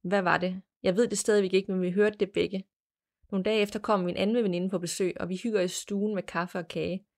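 A woman hosting a podcast, reading a listener's ghost story aloud in a measured, plain storytelling manner. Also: medium pitch, fairly even intonation, darkish tone. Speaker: podcast host.

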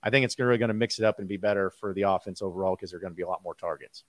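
Male sports commentator, slightly low voice, close dry sound, casual and emphatic. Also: racing, no echo.

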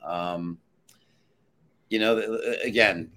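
A man's voice: on the low side, steady tone, very slow, a bit bright. A man working as a sports handicapper, giving betting picks with confident, emphatic calls.

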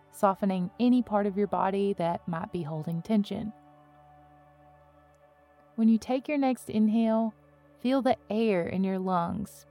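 A woman reading a guided meditation as a podcast host, with a gentle, soothing, unhurried delivery and pauses between phrases. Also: medium pitch.

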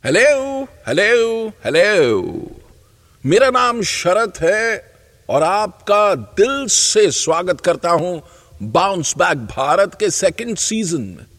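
Man, podcast host, scripted intro, enthusiastic, unhurried delivery, long reverb. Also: high-pitched, very animated, fairly bright tone.

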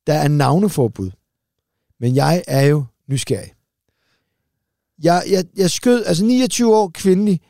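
A man co-hosts in loose, crude banter, blunt and joking throughout. His voice sits slightly high but has a dark, mellow colour. The studio sound is dry and close. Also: no echo. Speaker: podcast co-host, comedian. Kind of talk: casual banter.

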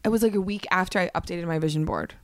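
A woman comedian chatting casually as a podcast co-host, an animated storyteller who acts out the people she quotes. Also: lowish voice, fast, dry recording, clean studio sound. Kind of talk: casual chat. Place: Los Angeles.

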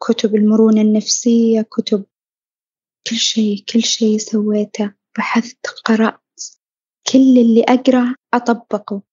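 Woman telling her story, husky and kinda high, dull lo-fi recording. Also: dry recording. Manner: reflective, earnest, dropping to soft near-whispers. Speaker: podcast guest sharing her story. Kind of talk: personal storytelling.

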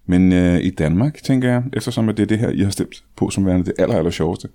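A comedy podcast host, a man with a lowish voice, rattling on eagerly and stumbling over his words. He talks casually and enthusiastically. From Denmark. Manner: fast, excited, full of fillers.

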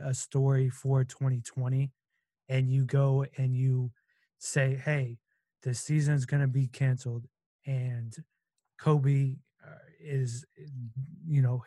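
A man hosts a casual sports talk in a mellow, fairly flat voice, asking long, rambling questions. The sound is close and dry. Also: mid-range voice, dry recording.

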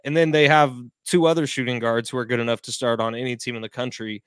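Male co-host on a call, clear smooth voice, dry sound, candid and relaxed sports talk. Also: medium pitch, quick pace, no echo. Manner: blunt, candid and laid-back. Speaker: podcast co-host, sports commentator. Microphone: remote video call.

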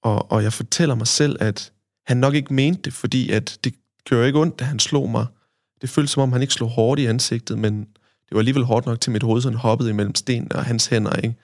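A man's voice: mid-range voice, steady tone, no room sound, clean studio sound. A man from Denmark, a podcast guest, telling a long story in casual chat, rambling with many fillers and tag questions.

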